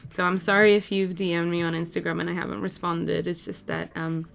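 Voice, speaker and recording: A woman's voice: on the low side, little pitch movement, a little fast, gravelly. A woman in her twenties, from Portugal, chatting casually with viewers on a live stream while she draws, laughing easily as she answers messages. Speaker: art streamer.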